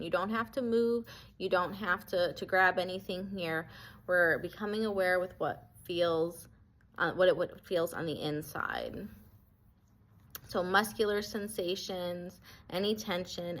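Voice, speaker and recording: With a lowish voice, a female instructor leads a guided body scan meditation, sounding gentle and reassuring as she gives permission.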